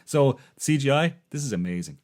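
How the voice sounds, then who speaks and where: A man's voice: medium pitch, animated, fairly quick, a little mellow. A man hosting a podcast in casual chat, stuttering and restarting his sentences often. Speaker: podcast host.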